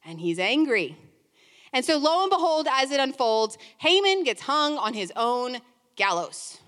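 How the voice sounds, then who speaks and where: High-voiced woman preaching in a hall. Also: measured pace. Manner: lively retelling with asides. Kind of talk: sermon storytelling. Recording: long hall reverb.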